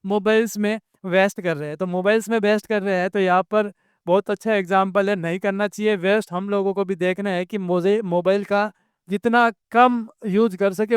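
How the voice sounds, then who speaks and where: A man teaching a grammar lesson, explaining step by step, asking questions and answering them himself, and dictating example sentences slowly. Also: sits high, clear, resonant tone, no room sound, studio quality.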